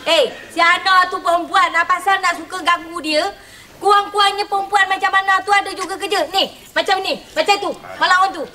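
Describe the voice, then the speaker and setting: A woman's voice: very high-pitched, steady tone, a little fast. A woman acting a feisty neighbour in a 1980s TV sitcom, scolding the men for mocking women. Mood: indignant. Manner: sharp, scolding.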